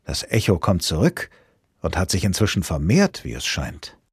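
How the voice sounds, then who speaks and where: A man voicing a calm, reassuring grown-up locomotive driver in a storybook reading, speaking low and murmuring. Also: moderate pace, slightly rough, no echo, clean studio sound, full character voice.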